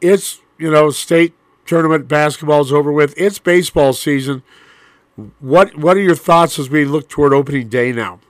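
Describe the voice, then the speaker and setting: A man hosting a radio show chats loosely, leaning on lots of fillers as he asks his question. His voice is a little higher than most men's. The studio sound is close and dry. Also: moderate pace, no echo. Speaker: radio talk show host. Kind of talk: casual radio interview.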